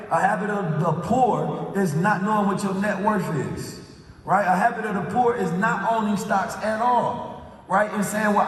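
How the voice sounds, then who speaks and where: A man hosting a motivational talk before a live audience, preaching and tagging his points with "right?". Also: sits high. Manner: preachy, repeats "right?" as a tag. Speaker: host. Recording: echoey hall, speaker far from mic.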